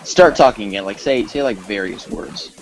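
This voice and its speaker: A man's voice: lowish voice, moderate pace, soft background music. A man co-hosting a podcast in casual chat, teasing and prodding the others. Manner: animated, teasing, bossy with the others. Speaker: podcast co-host.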